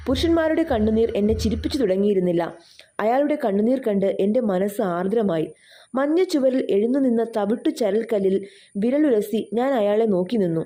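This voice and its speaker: A woman reads a novel aloud in the first person, measured and expressive. Her voice sits slightly high with a mellow, warm tone, an audiobook storytelling style. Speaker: narrator.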